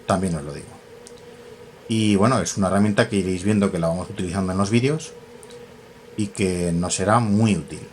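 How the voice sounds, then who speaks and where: Low-voiced man hosting a relaxed hands-on radio gear tutorial, halting and self-correcting, faint background ambience. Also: a little hiss or hum. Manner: thinks aloud, self-correcting, many fillers. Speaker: radio equipment tutorial host. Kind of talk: casual hands-on equipment demonstration.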